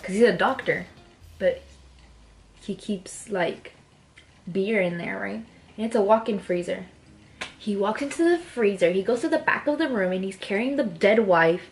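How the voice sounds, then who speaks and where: A young woman telling a story in a loose, casual way to a friend, checking in often. Her voice sits at an ordinary middle pitch. Faint music plays behind her. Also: expressive, moderate pace, pauses often. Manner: casual, keeps checking in with "right?". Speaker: vlogger.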